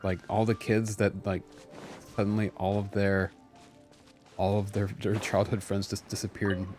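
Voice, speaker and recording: Game music plays in the background as a man with a mid-range, darkish voice streams his gameplay live. He keeps up playful, casual chat with viewers, exclaiming frequently.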